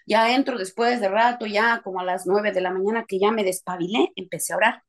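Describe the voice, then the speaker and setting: A woman telling a lively story to her church group, laughing and trailing off as she goes. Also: mid-range voice, fairly quick. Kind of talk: casual storytelling testimony.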